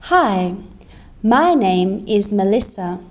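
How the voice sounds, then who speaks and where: An Australian woman presenting a scripted language-lesson dialogue, speaking carefully and clearly for learners. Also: mid-range voice, sing-song. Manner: slow, carefully articulated, as if for learners.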